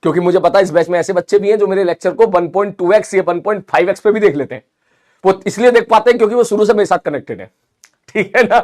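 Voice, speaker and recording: During a live online physics class, an Indian-accented man with a high but darkish-toned voice reads out student messages. His delivery is fast, energetic, chatty and encouraging.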